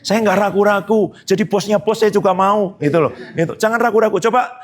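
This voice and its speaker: Animated male pastor preaching. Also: high voice, moderate pace. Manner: lively preaching, questions the congregation and jokes. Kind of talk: sermon. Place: church hall.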